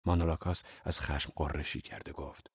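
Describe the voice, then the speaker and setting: Deep-voiced man narrating an audiobook. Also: husky, no room sound, clean studio sound. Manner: measured, even storytelling.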